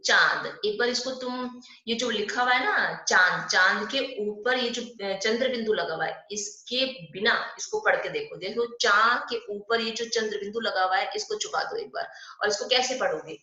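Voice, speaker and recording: A woman teaching a primary school Hindi class online, asking questions and answering them herself, drawing out sounds slowly. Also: medium pitch, expressive, pushed and bright. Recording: dull lo-fi echoey room.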